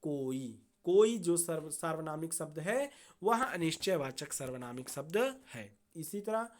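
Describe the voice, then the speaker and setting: Female teacher, low-pitched, very slow and methodical classroom delivery. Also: lively intonation. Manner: slow, deliberate, repeats and checks with "thik hai". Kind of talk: classroom grammar lesson.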